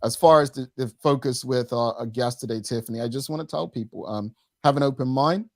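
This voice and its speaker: A man's voice: mid-range voice, a little fast, dry recording, studio quality. A man hosting a casual daily talk show, upbeat, announcing giveaways and signing off. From Bermuda. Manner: upbeat, announcer-like sign-offs.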